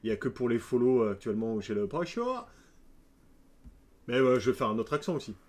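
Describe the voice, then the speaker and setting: A man's voice: medium pitch, expressive, fairly quick, darkish tone. A man streaming a strategy game, chatting casually and joking with his viewers. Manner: chatty, joking asides to chat. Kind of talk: casual live-stream commentary.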